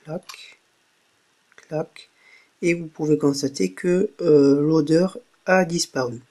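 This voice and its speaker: A man's voice: a little high, fairly even intonation, slow, warm tone. A man narrating a casual tech tutorial, hesitating often with fillers and saying "voilà" after each step. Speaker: tech blogger giving a tutorial.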